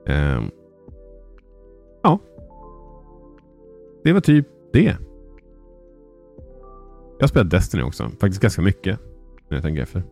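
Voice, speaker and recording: Man, very low voice, rambly casual gaming chat, joking, faint music. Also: wildly swooping pitch, gravelly, pauses often, a little mellow. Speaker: podcast co-host.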